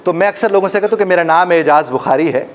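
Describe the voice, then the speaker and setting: A man's voice: sits high, quick pace. A man teaching a live workshop audience, demonstrating pronunciations and joking with the room. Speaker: life coach and trainer.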